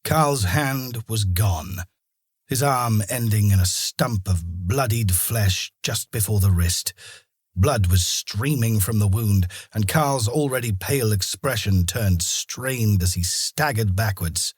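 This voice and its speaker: A man narrating a fantasy audiobook in a steady storytelling manner. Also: lowish voice, takes it slowly, husky, no echo, studio quality. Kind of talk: scripted narration.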